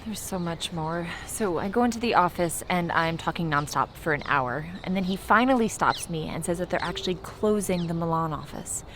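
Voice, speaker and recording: A woman's voice: lowish voice, animated, moderate pace, few pauses, fairly bright tone, a little hiss or hum. An actress playing a flustered young woman named Sophie, telling a rambling, exasperated story about a disastrous meeting.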